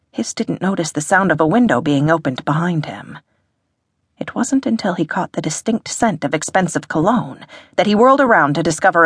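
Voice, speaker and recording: Low husky lady reading an audiobook, dry close sound. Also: no echo. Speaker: audiobook narrator. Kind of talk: scripted narration.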